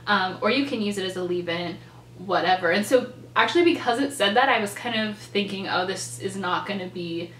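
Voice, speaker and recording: A young woman in her twenties, a beauty vlogger, reviews hair products to the camera while seated in her bedroom, chatty and enthusiastic with plenty of ums and likes. Her medium-pitched, brisk, slightly bright voice sounds a little stuffed up and nasal from a cold. The indoor room is echoey, with a faint hum.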